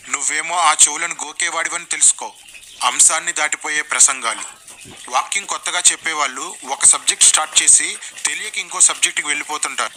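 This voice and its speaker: A man's voice: a little high, pushed and bright, a little hiss or hum. A man delivering satirical voice-over commentary in a sarcastic, mocking way.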